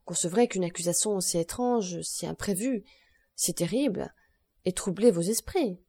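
A woman's voice: lowish voice, moderate pace, mellow, husky. Woman reading a stern male court president. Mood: urging. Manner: stern, questioning.

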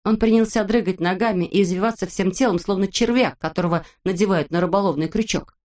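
A woman reading a children's book aloud as narrator, in a clear, expressive manner. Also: medium pitch, fast talker.

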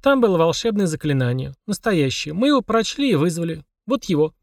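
A man reading an audiobook and voicing a gloomy, sharp-tongued young girl who speaks high and emphatically. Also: big pitch swings, a little fast, no echo, studio quality, far from the mic. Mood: warning.

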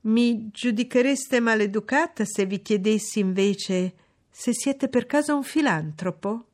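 A woman reading an audiobook, voicing a brusque, mocking middle-aged gentleman who teases and commands. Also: fairly high pitch, a little slow, pitched above the performer's own voice, natural voice. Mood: sardonic teasing. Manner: sardonic, teasing, commanding.

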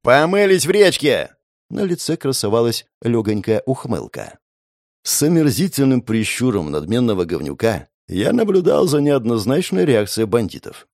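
A man narrating a comic fantasy novel in the first person, with an ironic, lively storytelling manner. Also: medium pitch, moderate pace, no echo, clean studio sound. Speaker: audiobook narrator.

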